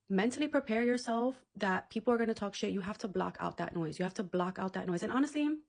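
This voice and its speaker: Fast-talking, blunt woman creator. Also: fairly low pitch, darkish tone. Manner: chatty, blunt, casual swearing, frequent "like" and "okay?". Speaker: beauty content creator. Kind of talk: casual advice talk to camera.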